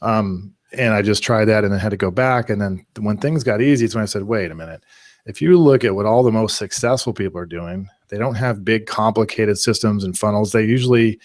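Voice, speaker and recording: A man leads a live online class, talking through his points in an energetic, conversational way. His voice sits on the low side and the recording is dry, with no room sound behind him. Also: a little fast, dry recording. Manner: energetic, conversational, uses analogies. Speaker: webinar presenter.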